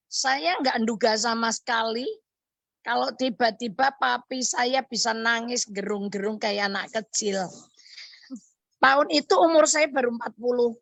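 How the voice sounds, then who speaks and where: A woman tells a personal faith story as a radio guest. Her voice sits a touch high, and she slips into her remembered thoughts and words as she goes. The sound is close and dry, with no room echo. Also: vocal fry, a bit bright. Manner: earnest storytelling, acts out her own thoughts and quoted lines. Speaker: radio guest sharing a testimony.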